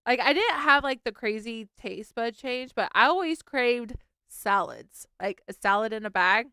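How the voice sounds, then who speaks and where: A woman's voice: fairly high pitch, animated, measured pace, bright, forceful tone, smooth, no echo, clean studio sound. A woman co-hosting a podcast over a video call, chatting casually and candidly, laughing often and swearing freely. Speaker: podcast co-host. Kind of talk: casual chat.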